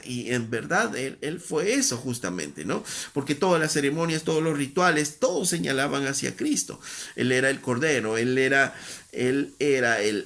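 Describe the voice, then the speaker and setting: A man's voice: a little high, a bit bright. A man preaching a sermon in an earnest teaching tone. He often checks in with rhetorical tag questions and repeats phrases for emphasis.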